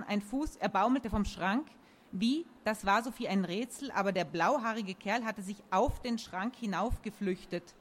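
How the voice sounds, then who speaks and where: A woman reading a children's story aloud in a lively, expressive way. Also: medium pitch, slight background noise.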